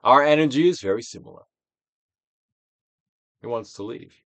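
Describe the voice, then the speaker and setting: A medium-pitched man with lively intonation performs a self-help book as an audiobook, acting it out dramatically. He drops to near-whispers, then projects emphatically, pausing with intent, in a recording without echo.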